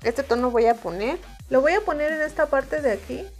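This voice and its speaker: Woman, Mexican Spanish accent, high pitch, calm step-by-step makeup tutorial, soft music underneath. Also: fairly quick. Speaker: makeup reviewer.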